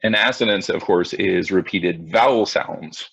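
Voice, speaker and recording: Male teacher, low and gravelly, casual and self-mocking in an online lesson; dry, muffled video-call audio. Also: a little slow, a bit bright, no echo. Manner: casual, self-mocking, talks to students directly. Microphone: computer mic on video call.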